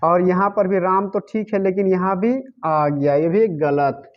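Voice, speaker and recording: Male teacher, slow deliberate pace, grammar lesson, answers his own questions, dull lo-fi sound. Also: sits high, fairly even intonation. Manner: asks questions and answers them himself, repeats key words. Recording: dull lo-fi recording.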